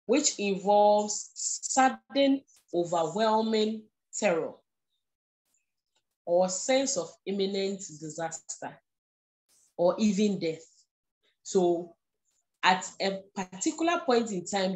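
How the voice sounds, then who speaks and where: The recording is rough, but her mid-range voice comes through as she gives a patient live-streamed talk on mental health as a guest speaker. Ghanaian-accented and not a native English speaker, she repeats key points and checks in with "okay."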